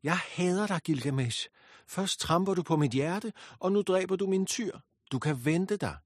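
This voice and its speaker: A man voicing a furious, vengeful goddess who speaks in a shrill, commanding, scornful way. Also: expressive, dry recording, clean studio sound, lightly acted. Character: furious vengeful goddess, woman, proud and spiteful.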